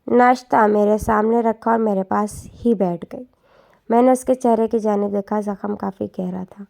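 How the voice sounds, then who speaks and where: Woman telling a sad story, soft and earnest, gravelly mellow voice. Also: mid-range voice, fairly even intonation. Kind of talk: emotional storytelling narration.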